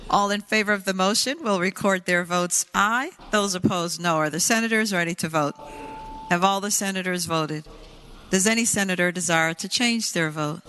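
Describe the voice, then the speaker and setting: A woman presiding over a state senate session, briskly reciting formal voting calls. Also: lowish voice, sharp tone. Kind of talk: formal parliamentary procedure. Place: legislative chamber.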